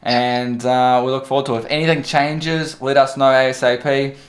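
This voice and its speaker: Casual Kiwi male vlogger, informal salesman delivery, mid-pitched, roomy sound. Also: level tone, normal speed. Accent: New Zealand. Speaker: vlogger and car detailing business owner. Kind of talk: casual vlog talk and sales calls.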